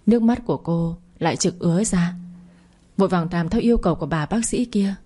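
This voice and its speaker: A woman narrating a dramatic story in a steady storytelling voice. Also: fairly low pitch, a little fast, slightly rough.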